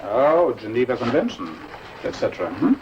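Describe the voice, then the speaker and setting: An actor playing a formal, dryly courteous colonel. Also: male voice, mid-range voice, sing-song, moderate pace, lo-fi sound. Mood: coolly polite. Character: stiff formal German Luftwaffe colonel, male, middle-aged. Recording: noisy TV drama soundtrack.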